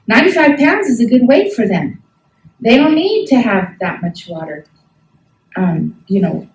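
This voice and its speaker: A woman's voice: fairly high pitch, a little mellow, slight background noise. A middle-aged woman teaching a health ministry class, folksy and emphatic, often asking the class questions. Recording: echoey room from a distant mic.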